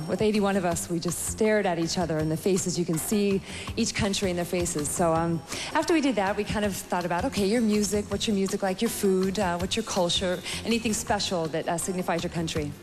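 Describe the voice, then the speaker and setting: A woman's voice: medium pitch, fairly quick, hardly any pauses. A young American woman giving a poised, chatty pageant answer in an on-stage interview. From United States. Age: young adult. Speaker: pageant contestant, fitness show host. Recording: music behind the voice.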